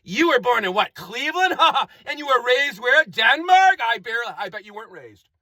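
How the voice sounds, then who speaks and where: A man with a high, lively voice rambles through a comic monologue, looping back on phrases and twisting words for fun. The delivery is bright and the recording is dry and close. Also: moderate pace, no room sound. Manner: rambling, repetitive, playful wordplay.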